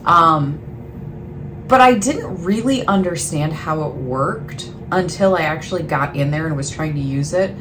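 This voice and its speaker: A woman vlogs casually to camera about books, rambling, poking fun at herself and often trailing off mid-thought. Her deep voice is animated and her pace measured, while clearly noisy ambient sound fills the background.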